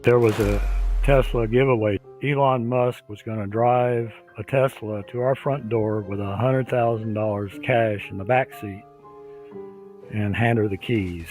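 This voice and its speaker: A man in his seventies speaking in a documentary interview, halting, with restarts and fillers. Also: lowish voice, steady tone, darkish tone, soft background music. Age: 70s. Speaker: interviewee, husband.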